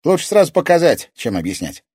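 A man lifts his voice high to play a teenage werewolf boy, cocky and playful, teasing the others. He sounds breathy at the edges, with a lively lilt, recorded dry and close like an audiobook. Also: a little fast, no echo. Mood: cheerful teasing. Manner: bright, cheerful, teasing.

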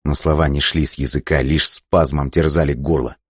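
A man reading an audiobook in slow, measured, somber scripted narration. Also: very deep voice, steady tone, slightly rough, no echo, studio quality.

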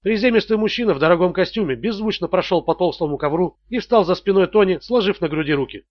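A man narrating an audiobook thriller in a steady, tense manner. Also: high-pitched, fast talker, no echo, muffled recording.

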